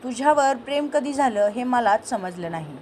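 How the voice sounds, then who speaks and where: A woman voicing a devoted young man in love, speaking softly and earnestly. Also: a little high, animated, moderate pace, a little hiss or hum, lightly acted. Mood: tender.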